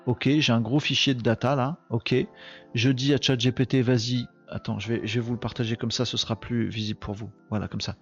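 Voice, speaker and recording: A man hosts a live tech show in a casual, excitable way, punctuating his talk with quick exclamations. His voice is gravelly. The sound is slightly dull, with faint music playing underneath. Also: medium pitch.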